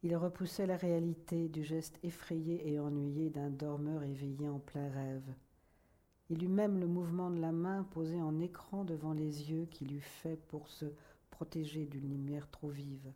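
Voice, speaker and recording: A woman reading a literary novel aloud in a measured, soft manner that at times sinks to a whisper. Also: deep voice, flat delivery. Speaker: audiobook reader. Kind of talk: literary audiobook narration.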